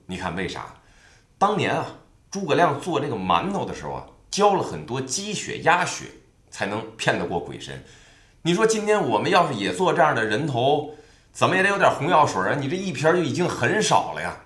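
A man's voice: medium pitch, wildly swooping pitch, brisk, a bit bright. A man playing a sly, joking heavyset archaeologist who wheedles and insists, recorded with a roomy echo. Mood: insistent.

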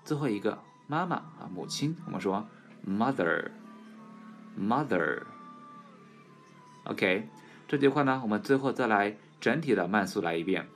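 A man recording an audio English pronunciation lesson at home, explaining in Chinese and slowly repeating English words and sentences for learners. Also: on the low side, expressive, fairly bright tone, faint music behind. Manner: switches between Chinese explanation and English examples.

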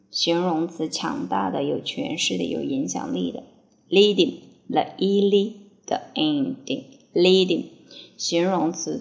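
A woman's voice: on the low side, gravelly, lo-fi sound. A woman teaching English vocabulary, spelling each word letter by letter and then giving its meanings. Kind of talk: slow word-by-word spelling drill.

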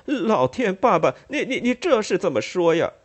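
A man reading an audiobook, voicing a plump, bashful young dandy who stammers in a high, flustered voice. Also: big pitch swings, moderate pace.

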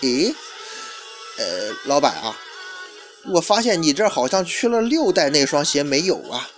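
A man's voice: a little high, sing-song, moderate pace, soft background music. A man voicing a pushy young male sneaker collector who pleads and sucks up to a shopkeeper, in a storytelling retelling. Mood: chummy. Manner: pleading, chummy.

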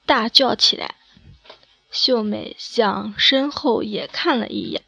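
A woman narrating a scripted horror story in a slow, measured reading. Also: fairly high pitch, sharp tone, no room sound.

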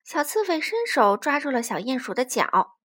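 A woman telling a children's picture-book story, gentle and expressive. Her voice sits high and moves a lot, rising and falling through every sentence. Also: moderate pace.

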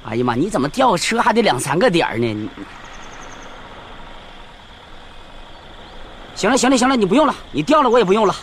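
A fussy older villager with a Northeastern Mandarin accent, his voice very high and jumping all over as he rattles off complaints. Loud traffic and engine noise surround him on a moving bus. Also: big pitch swings. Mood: impatient. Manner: impatient, nagging, quick to complain. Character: fussy impatient village father, man.

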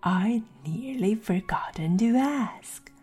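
A woman voicing a sly grinning cat in a storybook reading, drawing her words out slowly with hushed, teasing whispers. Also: a little high, lively intonation, slightly rough, soft background music, full character voice.

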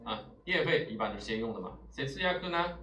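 A man's voice: mid-range voice, lively intonation, bright, forceful tone. Guy teaching vocab, lots of "ah" fillers, kinda far from the mic, echoey room with faint hum. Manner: frequent drawn-out "啊" and "哎" fillers, rhetorical questions. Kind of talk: explaining Japanese vocabulary in Chinese. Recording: roomy echo, mic at a distance, faint ambience.

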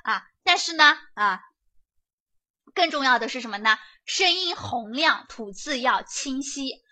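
A woman giving a lively prep lecture, chatty and often checking that students follow along. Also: sits high, measured pace. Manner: chatty, keeps asking students to confirm.

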